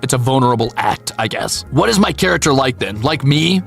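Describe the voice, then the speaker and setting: Brisk and animated, a man with a gravelly medium-pitched voice chats on a livestream as a VTuber streamer and voice actor, soft music playing behind him. Answering viewers, he's candid and playful, swears freely, and pokes fun at himself.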